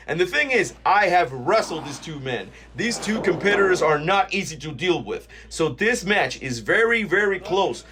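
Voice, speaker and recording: High-pitched man, excitable lucha libre announcer. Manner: excitable, exclaiming at the action. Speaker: wrestling commentator and producer. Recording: noisy recording.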